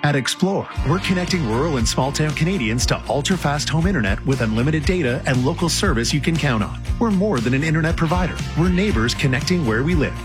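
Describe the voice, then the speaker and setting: Higher-pitched male announcer over music. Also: animated, fast, hardly any pauses. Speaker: commercial announcer. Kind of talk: scripted ad narration.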